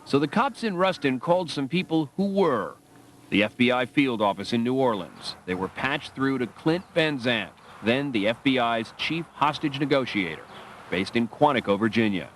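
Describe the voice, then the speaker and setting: A man's voice: mid-range voice, lively intonation, moderate pace, a bit bright, a little hiss or hum. A man narrating a documentary from a dramatic script.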